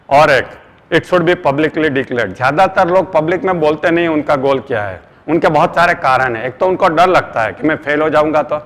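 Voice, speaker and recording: A man's voice: fairly high pitch, fairly bright tone. A middle-aged man with an Indian accent, an earnest trainer giving a motivational seminar talk who calls his listeners friends. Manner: earnest, addresses listeners as friends, mixes English phrases. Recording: long hall reverb.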